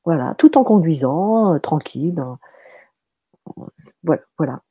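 Woman, storytelling medium, lively pitch, husky, dry close sound. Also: measured pace, dry recording, narrow, tinny audio. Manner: animated, many fillers and restarts. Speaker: medium teaching soul passage. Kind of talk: casual storytelling chat.

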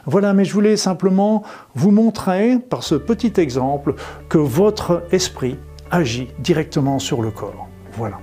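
A man's voice: on the high side, expressive, unhurried, mellow, soft background music. A man hosting an informal video lesson, addressing viewers as friends, explaining simply and repeating phrases for emphasis. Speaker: host of a weekly self-help video series. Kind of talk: informal spoken lesson with guided visualization.

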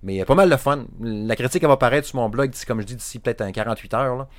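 A young man with a Saguenay Quebec French accent chatting casually about video games as a podcast co-host, animated and rambling, with plenty of restarts. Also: mid-range voice, racing, no echo. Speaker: podcast co-host, game reviewer. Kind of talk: casual chat.

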